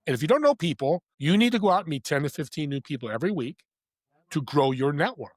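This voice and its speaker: A man, a podcast guest who also hosts a podcast, telling motivational stories in an animated, heartfelt way that drops from loud emphasis to hushed quiet. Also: fairly high pitch, quick pace, no room sound, studio quality. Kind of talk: earnest motivational storytelling.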